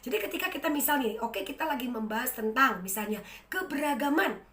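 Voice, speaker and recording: A woman in her thirties, a university lecturer, giving a chatty, lively lecture straight to the camera in an empty room. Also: high-pitched, fairly quick, echoey room. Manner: lively, chatty, addresses students directly. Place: room without an audience.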